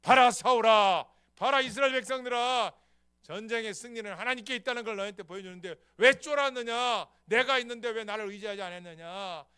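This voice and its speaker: A man voicing God as a commanding, protective presence who rebukes and reassures in a raised, booming voice. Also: a little fast, pushed and bright, clear, resonant tone. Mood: rebuking. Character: God speaking to his people, commanding and protective.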